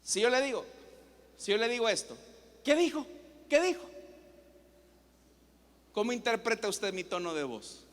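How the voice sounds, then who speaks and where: A man's voice: sits high, expressive, fairly quick, a bit bright. A man preaching as pastor, teaching and asking his congregation questions. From El Salvador. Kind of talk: sermon. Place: church hall. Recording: long church reverb.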